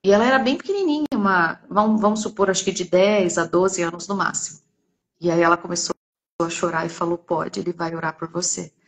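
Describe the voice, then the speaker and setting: A woman's voice: medium pitch, quick pace. A Brazilian woman telling a church testimony in an earnest storytelling way, often adding "né?". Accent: Brazilian Portuguese.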